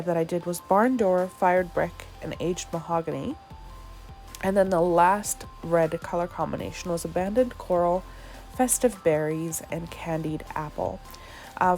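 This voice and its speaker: A woman hosting a card-making tutorial as a voiceover, sounding a little congested and talking in a relaxed, chatty way with fillers. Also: on the low side. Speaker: craft channel host.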